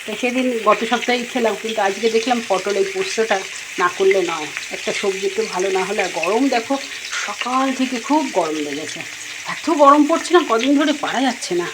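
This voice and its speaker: A woman in her fifties, a cooking vlogger, speaks at medium pitch with lively intonation and a slightly fast pace. Filmed on a phone in her home kitchen, she chats in a homely, rambling way as she cooks, with frying noise in the background.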